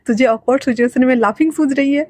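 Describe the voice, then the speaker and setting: A woman's voice: high voice, quick pace, darkish tone, no room sound. A woman voicing a bossy, hot-tempered young man who scolds his friend bluntly.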